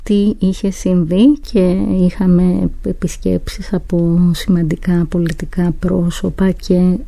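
A woman explaining historical events in a measured way, with occasional hesitant fillers. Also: on the low side, flat delivery, vocal fry, warm tone, no echo. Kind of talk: explanatory talk.

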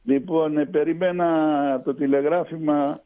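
An older man recounts his days at sea in a lively, halting way, pitched a little high. His voice comes through a thin, tinny phone line on a radio show. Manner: lively storyteller, halting restarts. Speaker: retired ship's officer, guest. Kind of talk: telling a personal anecdote.

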